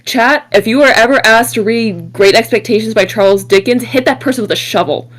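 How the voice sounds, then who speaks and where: A woman's voice: on the high side, brisk, poor audio. A woman playing in a tabletop game, chatting casually and sharing strong opinions expressively. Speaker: player.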